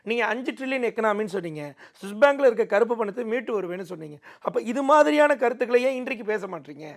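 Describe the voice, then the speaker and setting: A man speaks in a distinctly high register with a lot of gravelly creak. He argues politics as an interview guest in an emphatic, oratorical way. He often repeats a phrase to drive the point in. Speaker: political commentator, debate guest.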